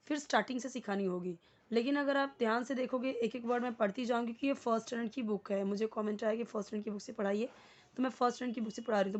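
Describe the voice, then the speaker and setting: Woman, Indian English accent, English lesson in Hindi and English, patient step-by-step explaining, fairly high voice. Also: darkish tone, highs cut off. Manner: explains slowly, often asks "ठीक है?" to check understanding; mixes Hindi and English in one sentence. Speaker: English teacher.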